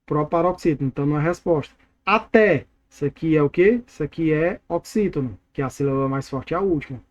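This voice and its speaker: A Brazilian man teaching an exam review lesson, energetic and playful, drilling words by repeating them. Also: a little high, quick pace, dull audio. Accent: Brazilian Portuguese.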